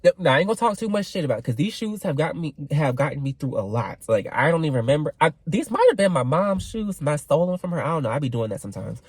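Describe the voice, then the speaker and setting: A man's voice: on the high side, very animated, fast talker, hardly any pauses, slightly rough, no echo, poor audio. A young man in his twenties venting in a casual vlog rant, rambling with fillers and swearing freely. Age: 20s. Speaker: vlogger.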